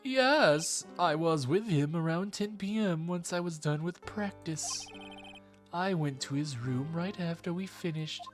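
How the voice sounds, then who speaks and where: A man's voice: a little high, lively intonation, soft background music, voice pushed up. A man doing a flamboyant, vain stage magician. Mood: eager. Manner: theatrical, sing-song, drawn-out words.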